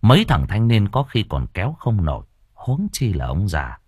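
A man narrating an audio novel with expressive storytelling. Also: on the low side, moderate pace, breathy edge, dry recording, clean studio sound.

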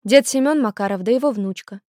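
A woman narrating a novel as an audiobook, reading in a measured, expressive way. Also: fairly high pitch, no room sound, clean studio sound. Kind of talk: scripted narration.

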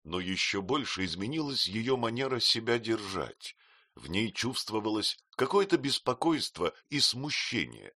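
A man narrating an audiobook with an expressive, animated reading. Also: lowish voice, moderate pace, dry recording, studio quality.

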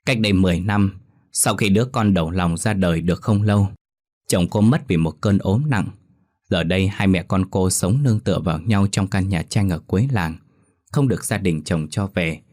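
A man narrating a ghost story in a slow, measured storytelling voice. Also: sits low, darkish tone, dry recording, studio quality. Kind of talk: scripted horror story narration.

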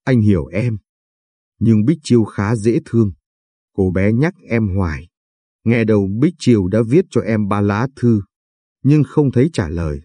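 A man's voice: fairly low pitch, lively intonation, unhurried, dark tone, husky, no room sound, clean studio sound. A man voicing a caring young man who is earnest and worried, talking protectively in a storybook reading. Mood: reassuring, fretful.

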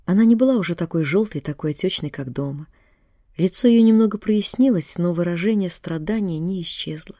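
An audiobook narrator giving a steady, even reading of a novel. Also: medium pitch, a little fast, dry recording, clean studio sound. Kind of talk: scripted narration.

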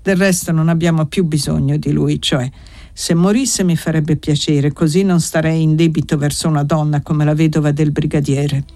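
A man's voice: fairly high pitch, steady tone, normal speed, warm tone, no echo, natural voice. A reader voicing an evasive young nobleman. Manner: urgent, coaxing, lying.

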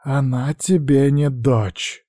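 A man's voice: fairly high pitch, unhurried, mellow, dry recording, pitched above the performer's own voice. A man voicing a cynical, scheming dragon lord who answers with dry, cutting retorts. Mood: cold.

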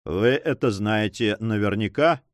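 A man reading a story puts on a cold pirate leader with a low, level voice. He is ruthless and unhurried, and his words drip with calm mockery. The sound is close and dry. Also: no room sound, close to an everyday voice. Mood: mocking. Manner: icy, mocking and unhurried.

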